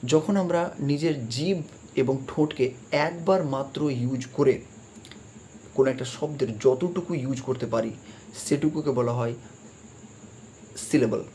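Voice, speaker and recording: A man explaining English grammar in a lesson. He talks it through with hesitant fillers, mixes English terms into his speech and reads example sentences out slowly. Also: medium pitch, warm tone, slight background noise. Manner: slow deliberate reading of English examples, mixing English terms into his talk.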